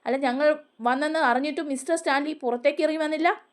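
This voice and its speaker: A woman voicing a smooth, jovial politician with a probing way of speaking, in a storybook retelling. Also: extremely high pitch, steady tone, quick pace. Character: smooth laughing politician, middle-aged man.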